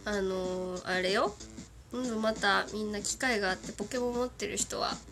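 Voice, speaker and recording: A woman's voice: mid-range voice, moderate pace, fairly bright tone, faint music behind. A woman in her thirties hosting a casual solo radio chat, giggly and chatty, sniffling with a cold. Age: 30s. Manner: giggly, chatty, doing cartoon character impressions. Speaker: radio show host.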